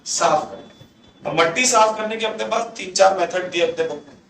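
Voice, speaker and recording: Male teacher lecturing a class, questions and answers himself, high voice, recorded from across an echoey room with faint hum. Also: a little fast, creaky, fairly bright tone, recorded from a distance. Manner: mixes Hindi with English terms.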